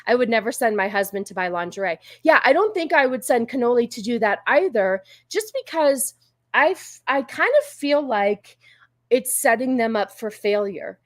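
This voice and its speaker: Higher-pitched woman, rambling casual livestream host. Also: animated, moderate pace, no echo, studio quality. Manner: informal, rambling, easily sidetracked. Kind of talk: casual chat with live viewers.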